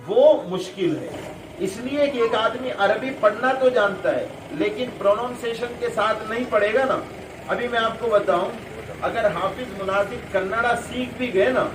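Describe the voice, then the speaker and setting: A man's voice: sits high, noisy background. A man from Kerala, speaking to parents as a visiting Islamic scholar. He asks rhetorical questions, answers them himself, and repeats sounds to drill pronunciation. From Kerala, India. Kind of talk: speech to parents. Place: madrasa hall. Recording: echoey hall from far off.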